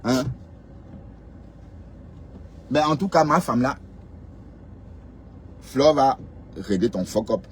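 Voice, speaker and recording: A man's voice: mid-range voice, expressive, slow, pauses often, a little hiss or hum. A man hosting a live stream, commenting casually and emphatically, repeating phrases and checking that listeners agree. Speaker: livestream host.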